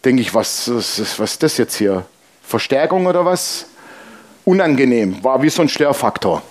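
A man preaching a sermon in a lively storytelling manner, acting out bits of dialogue. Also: medium pitch, moderate pace. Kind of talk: sermon with anecdote.

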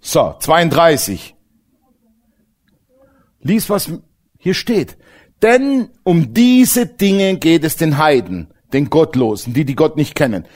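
Male preacher, humorous lively sermon style, expressive pitch, slightly high voice. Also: slow, long pauses. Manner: animated, jokes with the congregation, swings from loud to hushed.

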